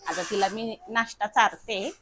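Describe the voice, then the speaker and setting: A woman's voice: mid-range voice, level tone, a little slow, heavy background noise. A young woman, chatting casually through a family vlog at home and coaxing her child along. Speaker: vlogger and mother.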